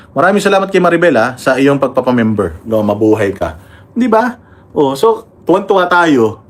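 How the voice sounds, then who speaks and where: A man hosting a casual political commentary livestream, combative and mocking, thanking members and reading viewer comments aloud. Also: mid-range voice.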